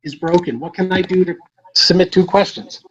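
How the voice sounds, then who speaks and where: A man giving public comment at a council meeting by phone. The call audio is glitchy and keeps breaking up. He is polite and apologetic, halting with many "uh"s. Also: high-pitched, steady tone, slightly rough. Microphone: phone dial-in. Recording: muffled lo-fi call line with faint noise.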